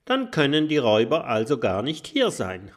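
A man's voice: mid-range voice, huge pitch swings, moderate pace, pitched above the performer's own voice. A man voicing a timid, nervous male professor who often whispers secretively. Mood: relieved.

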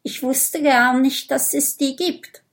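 Storybook vampire boy, young and jittery, read by a woman, voice lifted high. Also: fairly even intonation, takes it slowly. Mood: flustered. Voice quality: raised, boyish voice. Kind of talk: audiobook character voice.

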